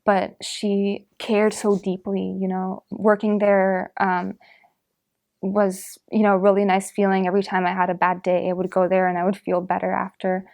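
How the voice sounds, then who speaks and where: A high school senior girl talking casually in an interview, full of "like" fillers. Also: monotone, normal speed, gravelly, a little mellow. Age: teens. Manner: chatty, many "like" fillers. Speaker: interviewee, student volunteer.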